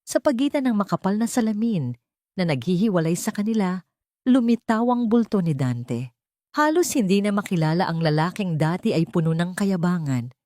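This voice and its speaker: A woman with a Filipino accent narrates a dramatic story from a script. Her voice is lowish and a little mellow, recorded clean and dry in a studio.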